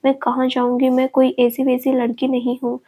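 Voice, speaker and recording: A woman's voice: sits high, completely flat delivery, moderate pace, mellow, husky, poor audio. A woman voicing a young woman who tearfully pleads with her lover, in a storybook reading. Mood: pleading. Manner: pleading, earnest.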